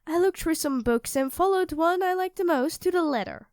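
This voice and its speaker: A woman plays a doting young live-in girlfriend making dinner, playfully teasing her partner with expressive phrasing. The high-pitched voice is recorded close and dry, with no room sound, at a moderate pace, giving the intimate feel of an ASMR roleplay audio drama.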